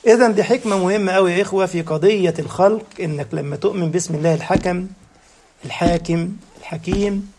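A man's voice: sits high, fast, darkish tone, slight background noise. A man with an Egyptian accent giving a sermon, who keeps asking the congregation rhetorical questions and answering them himself. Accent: Egyptian Arabic. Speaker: preacher.

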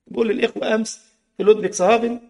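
A man's voice: sits high, fairly even intonation, racing, gravelly. A man with an Egyptian Arabic accent preaching a sermon, impassioned, full of rhetorical questions and mocking asides.

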